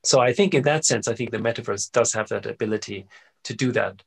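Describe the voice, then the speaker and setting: A middle-aged man from Austria, speaking as an interview guest in an animated, conversational way, often checking in with "right?" and "you know.". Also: on the low side, fairly quick, gravelly, slightly rough.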